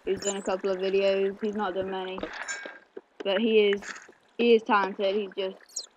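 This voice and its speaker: A man's voice: sits high, flat delivery, moderate pace, a little hiss or hum. A male gameplay host rambling casually through commentary, full of fillers. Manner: rambling, chatty, with many fillers. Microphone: desk mic picking up keyboard clicks. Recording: slightly dull home recording with keyboard clicks.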